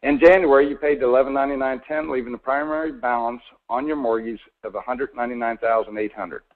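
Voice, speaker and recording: A man's voice: mid-range voice, fairly even intonation, quick pace, phone-quality sound. A man presenting a financial seminar to a live audience, folksy and a little sarcastic, often putting questions to the crowd.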